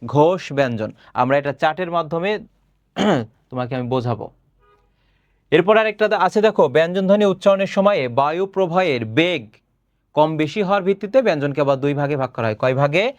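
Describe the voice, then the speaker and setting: A young male teacher gives a recorded online lesson in a slightly high voice. He explains step by step, poses questions and answers them himself, and clears his throat often. The sound is dry and close to the mic. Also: expressive, moderate pace, dry recording, highs cut off. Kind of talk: recorded online class lecture.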